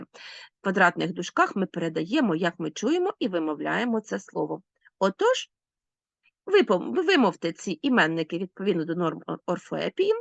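A woman teacher talks her pupils through a recorded lesson, stretching out example words so every sound is heard. Her pitch moves a lot, up and down, and her voice is captured dry, with no room sound. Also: dry recording. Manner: clear, deliberate enunciation, slowing to spell out sounds. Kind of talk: recorded language lesson for schoolchildren.

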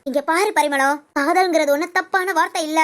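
A woman voices a caring older woman friend in a storybook drama, speaking in a very high voice. She coaxes and presses insistently, refusing to let the matter drop. She talks like an elder who feels entitled to speak her mind. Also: fairly quick, fairly bright tone. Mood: persuasive. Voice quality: coaxing, insistent. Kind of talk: audio story role-play.

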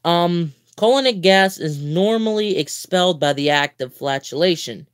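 A man's voice: sits high, lively intonation, normal speed, clear, resonant tone. A sleepy young man hosting a casual live stream, reading a book aloud and breaking off with goofy, chatty asides. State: sleepy, yawning.

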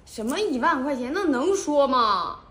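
Actress as bossy fed-up girl in her 20s, comedy skit, medium pitch, roomy sound. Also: moderate pace, a bit bright, natural voice. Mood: exasperated. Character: bossy, exasperated young woman hiring fake boyfriend. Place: small lounge indoors.

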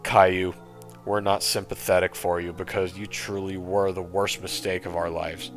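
A man's voice: sits low, little pitch movement, normal speed, soft background music. A man voicing a cold, dismissive middle-aged father in a horror story, blunt and unfeeling.

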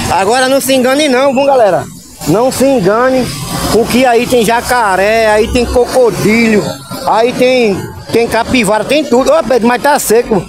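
Man, Pernambuco accent, high voice, casual outdoor vlog, music and traffic behind. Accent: Pernambuco, northeastern Brazilian. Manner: chatty, keeps calling viewers "my people" and "gang". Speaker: vlogger and channel host. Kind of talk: casual vlog chat to viewers. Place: outdoors in a town by a canal. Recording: street noise with music behind.

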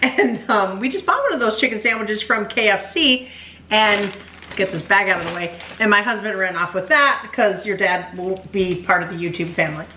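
Woman, middle-aged, food-review host, giggly, sharp bright tone, faint room noise. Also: medium pitch, lively intonation, moderate pace, roomy sound. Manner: giggly, chatty, teasing. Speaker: channel host. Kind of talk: casual food-review mukbang chat. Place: home studio room.

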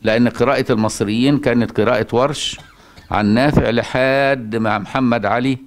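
Fast-talking Egyptian man teaching Quran. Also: mid-range voice. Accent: Egyptian Arabic. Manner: conversational, asks rhetorical checks, chants verses slowly. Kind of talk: colloquial religious lesson.

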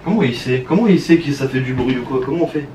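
A young man with a French accent talks his viewers through an unboxing, chatty and easily excited. His pitch sits mid-range. A faint hiss of background noise lies under the voice. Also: fast talker. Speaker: YouTuber. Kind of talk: casual unboxing commentary.

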